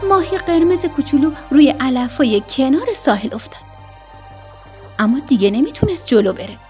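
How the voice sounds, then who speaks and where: A woman's voice: high voice, lively intonation. A woman narrating a children's story expressively, sometimes sinking to a whisper at tense moments. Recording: soft music behind the voice.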